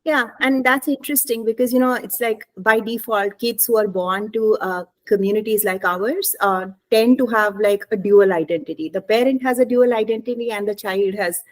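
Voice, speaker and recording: A woman's voice: mid-range voice, normal speed, hardly any pauses. A woman hosting an online author panel as publisher, asking questions in a casual, filler-heavy way over a video call.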